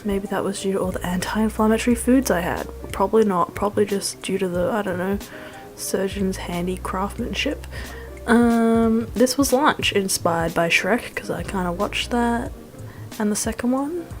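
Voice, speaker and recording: A woman's voice: medium pitch, normal speed. A young woman doing a casual vlog voice-over in a rambling, wry, self-deprecating way with slangy phrasing. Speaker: food vlogger. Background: music.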